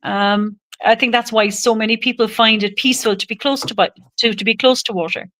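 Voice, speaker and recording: A woman speaks with a Cork Irish accent in a relaxed interview conversation. Her voice sits a little higher than average. She talks as a guest, casually and conversationally. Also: a little fast. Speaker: podcast guest on men's health.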